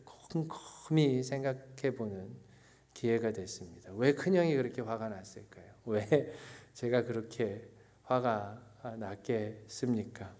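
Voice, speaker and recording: Korean man preaching a personal sermon. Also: mid-range voice. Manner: lively storytelling that turns slow and reflective; self-mocking, laughs at his own story. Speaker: pastor.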